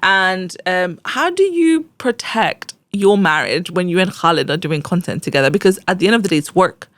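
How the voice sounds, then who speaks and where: Quick-talking woman podcast host. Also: lowish voice, animated, fairly bright tone, no room sound. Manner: quick, encouraging, lots of backchannel hums. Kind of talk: casual interview chat.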